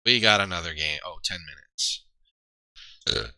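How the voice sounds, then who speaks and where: A man's voice: sits low, normal speed, vocal fry, bright, forceful tone, clear, resonant tone, no room sound. A man streaming live, rambling casually to his viewers, trailing off and poking fun at himself. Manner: rambling, self-deprecating, trails off and restarts.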